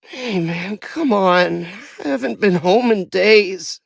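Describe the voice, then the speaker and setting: An actor voicing an exhausted, downtrodden man on the job in a video game, halting and pleading. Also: high voice, gravelly, breathy edge, dry recording, heavily acted. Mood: weary, pleading. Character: exhausted, downtrodden male night-shift worker. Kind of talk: scripted video game dialogue.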